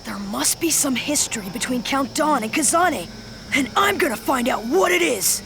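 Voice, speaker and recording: A woman voicing a spirited, earnest and determined young boy card fighter in an animated series. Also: high voice, moderate pace, gravelly, a little hiss or hum, exaggerated voice. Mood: curious, determined.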